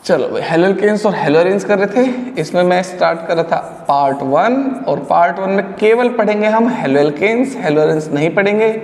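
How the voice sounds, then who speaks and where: High-voiced male chemistry teacher, echoey room. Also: measured pace, few pauses, a little mellow. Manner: mixes English terms, scolds students playfully. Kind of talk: classroom lecture. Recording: echoey room with long reverb.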